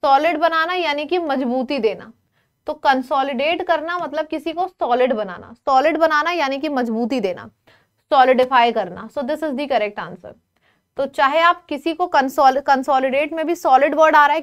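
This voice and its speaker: Lively high-voiced woman teacher. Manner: lively, coaxing, asks students questions. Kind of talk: online vocabulary lesson.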